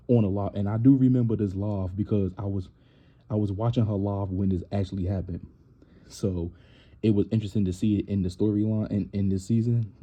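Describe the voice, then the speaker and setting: A low-voiced man with a husky, very dark tone gives a casual reality TV recap. He talks bluntly and with strong opinions, and his voice comes through slightly dull and lo-fi. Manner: blunt, opinionated, animated when quoting people.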